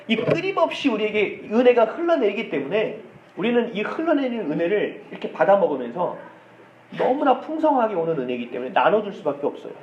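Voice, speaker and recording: 한국인 남자 목사가 가족 이야기와 흉내를 섞어 설교하는 목소리, 울림이 큰 교회 녹음. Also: male voice, a little high. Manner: storytelling with acted quotes and soft laughs. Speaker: pastor. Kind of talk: sermon. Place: church sanctuary. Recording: dull echoey church sound with faint hiss.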